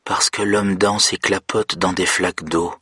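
A man with a husky voice, voicing a hypnotized woman who relives her childhood in a faint, childlike way. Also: low-pitched, little pitch movement, unhurried, sharp tone, no echo, clean studio sound, heavily acted. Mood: dreamy.

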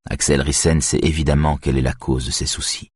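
A man calmly narrating an audiobook in an even reading voice. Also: extremely low pitch, fairly quick, husky, dry recording, studio quality. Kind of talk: scripted narration.

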